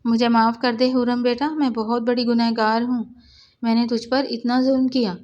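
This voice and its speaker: A woman's voice: a little high, flat delivery, darkish tone, highs cut off, close to an everyday voice. A woman reading the lines of a guilt-stricken older aunt who begs forgiveness through tears in a storybook reading. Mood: tearful. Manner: tearful, begging forgiveness.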